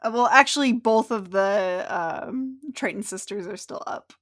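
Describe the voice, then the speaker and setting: A woman's voice: medium pitch, unhurried, fairly bright tone. A woman narrating a tabletop role-playing game as game master, in a casual conversational way.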